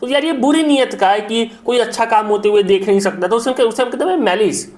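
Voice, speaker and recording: High-voiced man teaching vocabulary. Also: fairly quick, a little mellow. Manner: repetitive and coaxing, keeps saying "my brother" and "isn't it". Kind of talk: exam-prep vocabulary lesson.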